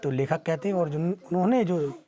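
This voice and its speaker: An English teacher runs through a vocabulary list in an online class at a mid pitch. The teacher asks and answers each question and spells every word out letter by letter. The talk is dotted with "hmm" and "theek hai" fillers. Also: brisk, dark tone. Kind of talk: vocabulary lesson.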